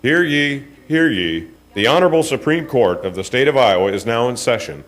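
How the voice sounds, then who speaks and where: Loud ceremonial male town-crier style court proclamation. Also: mid-range voice, expressive, moderate pace.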